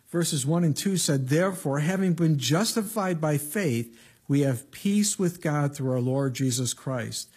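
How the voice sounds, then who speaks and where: A man preaching at a pulpit microphone with a slightly husky, somewhat higher-pitched voice. He teaches scripture in a plain, conversational way and punches his points with short emphatic asides. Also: darkish tone. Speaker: pastor. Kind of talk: verse-by-verse Bible teaching sermon.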